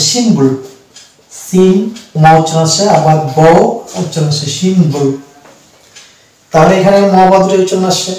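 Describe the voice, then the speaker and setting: A man with a Bengali accent explaining English pronunciation rules slowly, pausing often and spelling out letters. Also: high voice, warm tone, recorded from a distance. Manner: slow, with frequent hesitations and spelled-out letters. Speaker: English teacher. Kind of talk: explanatory lesson. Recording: echoey room, voice a bit off mic.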